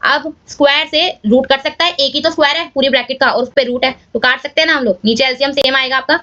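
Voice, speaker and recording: High-pitched lady explaining maths problems, chatty, keeps asking clear?, muffled dry audio. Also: steady tone, quick pace, bright, forceful tone, no room sound. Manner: casual, addresses viewers as guys, checks with "clear?". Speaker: maths teacher. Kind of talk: step-by-step maths lesson.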